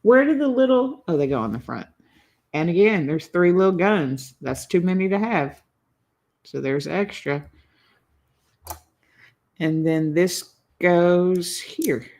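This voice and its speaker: Building a toy on a live stream, this woman rambles casually and laughs a lot, sounding a bit congested. She has a fairly low, darkish voice and an animated delivery, speaking slowly and pausing often.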